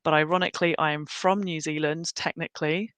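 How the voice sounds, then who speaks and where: A woman's voice: low voice, steady tone, fairly quick, a bit bright, no room sound. A British woman hosting a webinar over a video call, chatting in a friendly way with many fillers. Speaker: graduate recruitment advisor hosting a webinar.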